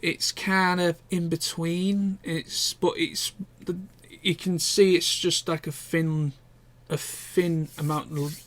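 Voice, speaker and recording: A man's voice: on the high side, little pitch movement, slow pace, fairly bright tone. A male vlogger talking in a casual chat, rambling and often correcting himself, with the odd swear word.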